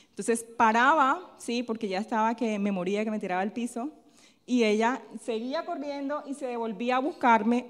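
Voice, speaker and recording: A woman delivers a sermon in a fairly high voice. She keeps asking questions and answering them herself, tagging her lines with a quick "¿sí?". Her words ring on in a long hall reverb. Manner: tells a personal story in a softer, chatty tone. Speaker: preacher. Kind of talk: sermon with call-and-response questions.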